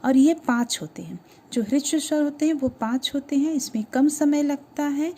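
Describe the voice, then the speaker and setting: A woman teaching a grammar lesson to schoolchildren, explaining step by step and asking questions that she then answers herself, slowing down to sound out each letter. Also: sits high, dark tone.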